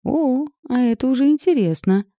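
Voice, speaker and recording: A brash young masseuse friend, voiced by a woman reader in an audiobook, teasing and bossing her friend about. Her tone is dark and mellow, set in a dry, close space. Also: fairly low pitch, animated, normal speed, dry recording. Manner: bossy, teasing, blunt.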